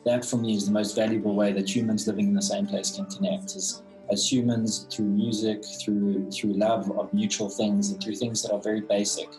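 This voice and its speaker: A man's voice: on the low side, level tone, normal speed, darkish tone, low-quality recording. A man from South Africa speaking earnestly and thoughtfully in an interview. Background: guitar music.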